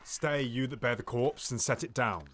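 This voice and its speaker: A man's voice: medium pitch, moderate pace, a bit bright, slight background noise, lightly acted. A man playing a scheming, sardonic, silkily seductive duke in a Shakespearean audio drama, theatrical and insinuating. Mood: commanding menace. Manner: theatrical, insinuating, drops into whispers.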